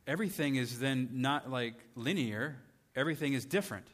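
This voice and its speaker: Long hall reverb surrounds a man giving a conversational sermon full of rhetorical questions for his listeners. His voice is medium-pitched and fairly bright, and he speaks fairly quickly.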